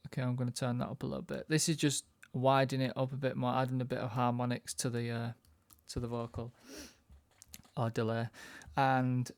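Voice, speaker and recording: A man with a medium-pitched, noticeably creaky voice gives an informal, casual narration of a software production tutorial, thinking aloud as he works. The sound is dry and close, with little room and no echo.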